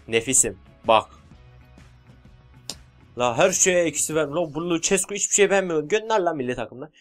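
A man casually commentating his own football video game, joking and yelling when he scores. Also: a little high. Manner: excitable, shouts at goals, jokey. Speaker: gaming YouTuber.

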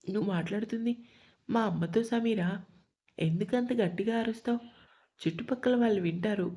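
A woman's voice: medium pitch, fairly quick, warm tone, breathy edge, lightly acted. A woman voicing a proud married daughter who scolds her sister-in-law sternly. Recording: lo-fi dull sound.

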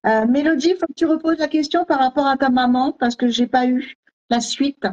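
Lady medium running a live, reading out comments, kinda scattered, higher voice, a bit dull sounding. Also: steady tone, moderate pace, a little mellow. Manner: scattered, greets viewers, reads comments aloud. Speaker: host medium. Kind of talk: casual live-stream hosting.

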